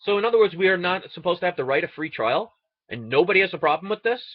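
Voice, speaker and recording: Animated, high-pitched man on an indignant rant. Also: fast talker, no echo, lo-fi sound. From United States. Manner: indignant, sarcastic, rhetorical questions. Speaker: online video ranter. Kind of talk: impassioned political rant.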